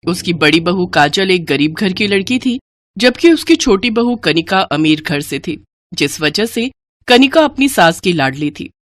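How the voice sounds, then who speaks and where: Low-voiced woman storyteller. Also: a little slow, no echo. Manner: even, storytelling. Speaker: narrator. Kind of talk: scripted story narration.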